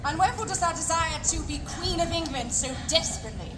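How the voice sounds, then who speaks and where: Stately, gracious monarch, very high register, thee-and-thou Renaissance faire speech, live outdoor stage, recorded from afar. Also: female voice, animated, quick pace. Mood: questioning. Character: stately, gracious Queen Elizabeth of England. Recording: echoey outdoor arena, distant mic, noisy crowd.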